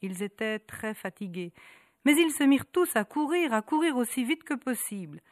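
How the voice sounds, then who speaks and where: A woman narrating a folk tale in a rhythmic, repetitive storytelling manner with dramatic pauses. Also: on the high side, very animated, no echo, clean studio sound.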